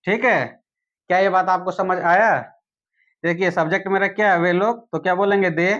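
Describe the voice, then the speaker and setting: High-voiced man teaching English. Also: a bit bright, lo-fi sound. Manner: repeats questions to the viewer, slow English examples. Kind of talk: spoken English lesson.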